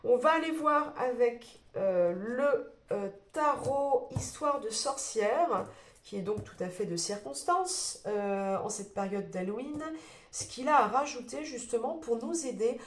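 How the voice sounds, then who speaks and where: A woman's voice: fairly high pitch, lively intonation, a little slow. A woman with a cold and a blocked nose giving a spoken tarot reading, searching for words with many fillers and restarts. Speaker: tarot card reader. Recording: roomy echo.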